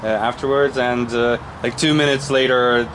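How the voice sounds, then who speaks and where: A man's voice: medium pitch, steady tone, moderate pace. A young man with a Polish accent interviews and shares in casual, informal, hesitant conversation. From Poland. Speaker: interviewer, traveler. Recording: clear outdoor street noise.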